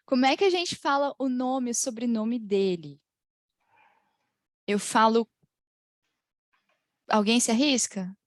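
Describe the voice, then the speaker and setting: Lively Brazilian woman teaching pronunciation. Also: fairly high pitch, dry recording, studio quality. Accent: Brazilian Portuguese. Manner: lively, drawn-out model phrases, frequent laughs. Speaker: English teacher. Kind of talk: online English pronunciation class.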